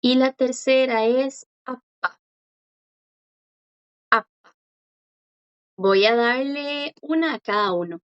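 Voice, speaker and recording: Woman teacher, patient and encouraging, kinda high voice, dull lo-fi call audio. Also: a bit bright, clean tone. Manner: patient, encouraging, repeats words slowly. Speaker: Korean language teacher. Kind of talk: online class, explaining grammar.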